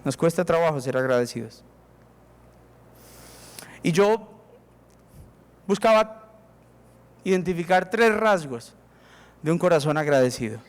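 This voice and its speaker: A man's voice: on the high side, animated, unhurried, pauses often. A man with a Colombian accent preaching a sermon as pastor, emphatic and acting out prayers to God. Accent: Colombian Spanish. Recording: reverberant hall.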